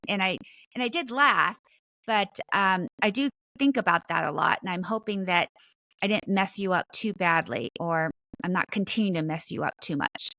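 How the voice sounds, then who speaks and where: A woman in her fifties hosts a podcast, sharing family anecdotes in a chatty, casual interview style with light fillers. Her voice is medium in pitch and fairly bright, with no room sound.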